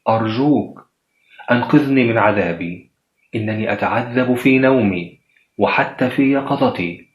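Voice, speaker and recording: A man's voice: mid-range voice, lively intonation, fairly quick, muffled recording, lightly acted. A man voicing a frightened young widow who pleads with a doctor, in a horror story reading. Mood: desperate pleading. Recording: roomy echo.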